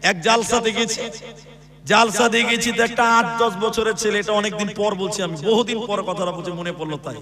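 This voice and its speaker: A male Islamic preacher from Assam giving a live sermon, firing rhetorical questions at the audience and breaking into shouts. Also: high-pitched, steady tone, fast. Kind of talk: live religious sermon at a gathering. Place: outdoor religious gathering with a crowd. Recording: loud crowd at a live outdoor event.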